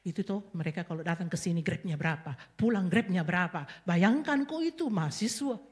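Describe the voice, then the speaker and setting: A middle-aged woman pastor preaches a passionate sermon. She drops to soft, close asides and then rises into loud, high cries. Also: animated, brisk.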